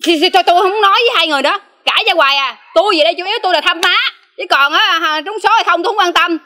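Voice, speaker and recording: A brassy street-vendor sister, super high bright voice, talks fast and bickers. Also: female voice. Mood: bickering. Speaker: actress. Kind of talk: comic family melodrama acting.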